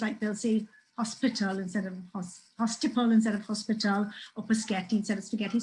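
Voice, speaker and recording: Brisk Trinidadian woman moderator. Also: fairly high pitch, darkish tone, a little hiss or hum, rough recording. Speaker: webinar moderator. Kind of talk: moderating a panel discussion. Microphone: video call.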